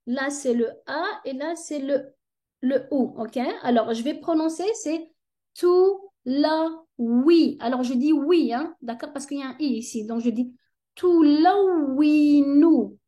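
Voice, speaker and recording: A woman's voice: high-pitched, normal speed, mellow. A woman teaching a tutorial lesson on reading letters, patiently checking in with "ok?" as she goes. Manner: patient, checks understanding with frequent "ok?".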